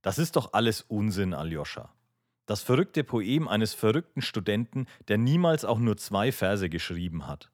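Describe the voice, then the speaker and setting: A man's voice: on the low side, sing-song, moderate pace, no echo, studio quality. A man voicing a brooding, sardonic young intellectual in an audiobook reading.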